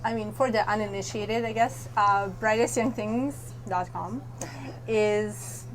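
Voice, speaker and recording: A woman's voice: mid-range voice, fairly even intonation, unhurried, a little hiss or hum, rough recording. A young woman from Serbia, chatting as a guest in a casual interview, with lots of fillers and laughter. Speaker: guest, website editor. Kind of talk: casual chat.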